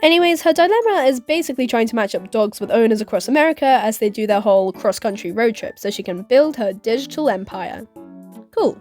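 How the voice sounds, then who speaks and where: A young woman in her twenties talks through a film recap in a rambling, sarcastic style and throws in giggly asides. Her voice sits a little high, and faint music plays under her. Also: lively intonation, fairly quick, a little mellow. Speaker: YouTube commentator. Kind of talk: casual commentary vlog.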